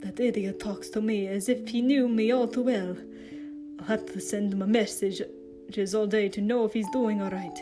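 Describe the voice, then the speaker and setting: A woman reading a fanfic aloud, voicing a grumpy, hot-tempered young man who talks gruffly. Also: mid-range voice, steady tone, moderate pace, over music, natural voice. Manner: gruff, cursing.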